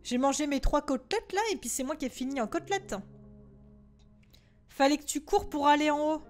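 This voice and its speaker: A woman with a high voice streams a horror game, talking straight to her viewers and at the game on screen. She is excitable and loose, swearing freely as she plays. Faint music sits behind her voice. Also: fairly quick. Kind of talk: live horror game commentary.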